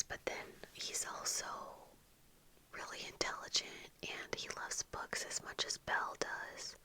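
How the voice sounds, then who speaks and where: The speaker is a young adult woman making an ASMR video, whispering breathily the whole time at very close range. Her pace is slow and halting, like easygoing talk while getting ready, and the whisper sounds very bright and sharp. She sits in a small bookshelf-lined room at home, earphones on, with a fluffy-covered microphone just in front.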